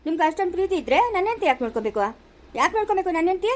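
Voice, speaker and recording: Woman acting as an indignant village dad, rural Chikkaballapura accent, high voice, rapid scolding. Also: sing-song. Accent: rural Chikkaballapura Kannada. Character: angry middle-aged village father defending his wife. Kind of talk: amateur family drama acting.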